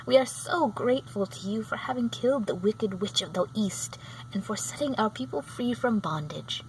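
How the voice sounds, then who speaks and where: A woman's voice: medium pitch, lively intonation, normal speed, slight background noise, lightly acted, rough recording. A woman voicing a kindly little old woman in a storybook, sweet and courteous, with formal phrasing. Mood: reverent, grateful. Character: kindly, grateful little old Munchkin woman, wrinkled and stately. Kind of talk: storybook character reading.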